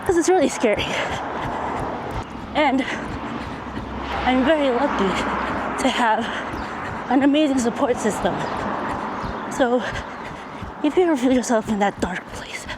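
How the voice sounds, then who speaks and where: A person talking in halting phrases while running outdoors, recording a casual, reflective vlog monologue. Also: high-pitched, lively intonation. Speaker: vlogger. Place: outdoors, on a run. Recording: clear outdoor noise, passing vehicles.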